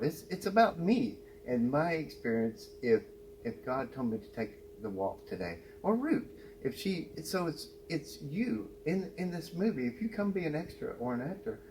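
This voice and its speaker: Guy on local radio talking about his movie, stumbles and repeats, mid voice, hum and noise behind. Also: medium pitch. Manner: halting, repeats words, soft-spoken. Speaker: guest, filmmaker. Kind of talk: casual radio interview. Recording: noisy with hum.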